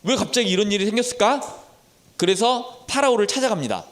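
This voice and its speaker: Lively Sunday school teacher man. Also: sits high, fairly quick. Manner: storytelling, asks children questions. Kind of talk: children's sermon.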